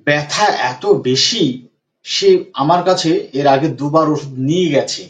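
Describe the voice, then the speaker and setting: A man's voice: fairly high pitch, unhurried, a bit bright. A man working as a homeopathic doctor, retelling a patient's case and repeating phrases for emphasis. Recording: dull lo-fi recording.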